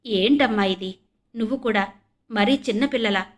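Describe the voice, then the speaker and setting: A woman's voice: fairly high pitch, normal speed, natural voice. A woman voicing an older nanny who scolds affectionately. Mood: fond scolding.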